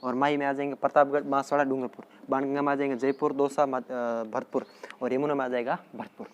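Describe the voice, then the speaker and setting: A male teacher, dictating a geography lesson slowly and repeating place names often. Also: mid-range voice, level tone, muffled recording. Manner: slow, repetitive dictation with frequent "theek hai" check-ins. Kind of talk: exam-prep geography lesson.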